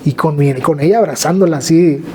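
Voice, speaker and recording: A man's voice: a little high, darkish tone, a little hiss or hum. Earnest northern Mexican man telling a story. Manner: earnest, halting, with repeated restarts. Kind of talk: emotional personal storytelling.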